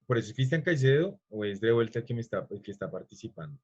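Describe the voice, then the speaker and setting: A male teacher leads an online class, wandering through his explanation and pausing to quiz the students. His voice sits at an ordinary pitch. The audio is muffled and lo-fi. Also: animated, a little mellow, slightly rough. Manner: rambling, stops to quiz students.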